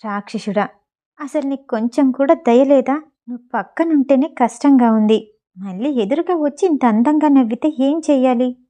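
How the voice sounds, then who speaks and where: A flustered young heroine from a read-aloud romance, quick to snap, as a woman narrator puts her on. Her voice is a little high and mellow. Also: lightly acted.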